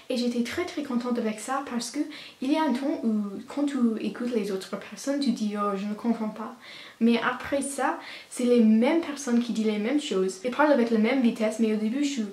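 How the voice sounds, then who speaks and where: Here a teenage girl from Canada fumbles gently through French, her second language, in an offhand vlog, with an English Canadian accent. The voice is slightly high and mellow, and the room is echoey.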